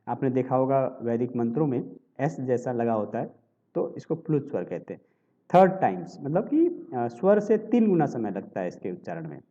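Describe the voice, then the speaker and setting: A man teaching a Hindi grammar lesson for exam preparation, explaining step by step and often pausing to check in with his students. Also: fairly high pitch, warm tone, highs cut off. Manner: explanatory, checks in with repeated tag questions.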